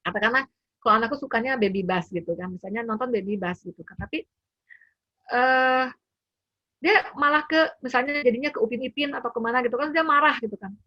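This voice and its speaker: Brief: woman parent-speaker, chatty webinar teaching from home, slightly high voice, dull dry call audio. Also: a little fast, dry recording. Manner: chatty, fillers and acted quotes of parent and child. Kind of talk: informal teaching talk. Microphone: computer mic on a video call.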